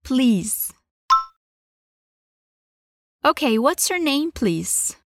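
A woman's voice: sits high, sing-song, no room sound, studio quality. Patient Brazilian woman teaching English. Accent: Brazilian Portuguese. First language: Portuguese. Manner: slow, exaggerated model phrases for repeating; encouraging and patient. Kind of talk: bilingual English lesson with repetition drills.

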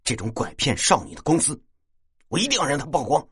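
A man's voice: a little high, sing-song, fast, fairly bright tone, slightly rough, no echo, clean studio sound, voice pushed up, heavily acted. A man voicing an angry, emphatic male reporter in a spoken story. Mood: indignant.

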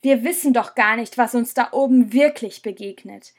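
A woman's voice: a little high, normal speed, slightly rough. Woman voicing a bitter, wounded young man. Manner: resentful, reproachful. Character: hurt, bitter young man leaving his friends. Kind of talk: audiobook character voice.

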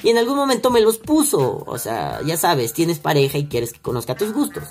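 A man's voice: a little high, huge pitch swings, moderate pace, faint music behind. A young Mexican man with a Mexican accent, telling a story in a crude, slang-filled, rambling vlog monologue. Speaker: vlogger.

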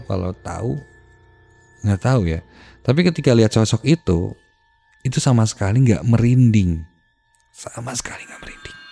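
A man, hosting a podcast and telling a ghost story in a hushed, suspenseful way. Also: lowish voice, creaky. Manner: hushed, suspenseful, dropping to near-whispers. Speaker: podcast host. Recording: faint music behind the voice.

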